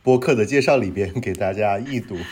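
Husky low-voiced male podcast host. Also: brisk, a little mellow. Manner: asks long, searching questions. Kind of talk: casual podcast interviewing.

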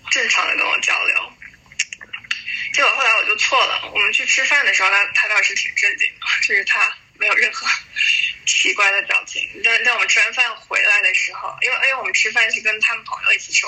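Hesitant woman in her thirties with a very bright voice. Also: medium pitch, breathy edge, rough recording. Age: 30s. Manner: slow, reflective, hesitant retelling. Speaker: guest sharing a story. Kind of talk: personal storytelling. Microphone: voice call recording.

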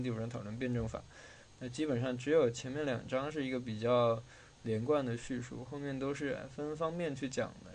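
A man's voice: medium pitch, gravelly, darkish tone, a little hiss or hum. A man hosting a reading class, giving a casual spoken lecture with loose, conversational explaining while his throat is sore.

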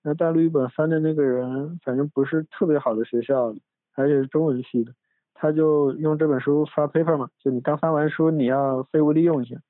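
A man's voice: fairly high pitch, fairly even intonation, brisk, no room sound. A male podcast host in casual academic chat, rambling with restarts and asides, recorded on a phone in a room at home. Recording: tinny, dry phone recording.

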